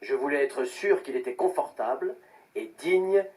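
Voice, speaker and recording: An actor playing a clever young warrior hero in an audio drama, speaking in a calm, sly manner. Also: male voice, medium pitch, moderate pace, recorded from a distance, close to an everyday voice.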